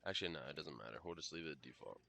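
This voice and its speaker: Low gravelly man rambling over a game. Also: lively intonation, rapid-fire, pushed and bright. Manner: rambling and hesitant, many fillers and self-corrections. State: coughing, clearing throat. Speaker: game streamer. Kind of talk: casual live commentary while gaming.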